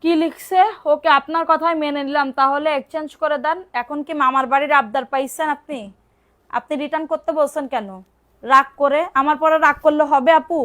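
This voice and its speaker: A woman selling clothes on a live stream, repeating prices and urging viewers to order quickly, and sometimes scolding commenters. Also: high voice, a bit bright. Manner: brisk, repetitive, urging buyers to order fast. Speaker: online clothing seller. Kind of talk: live-stream sales pitch.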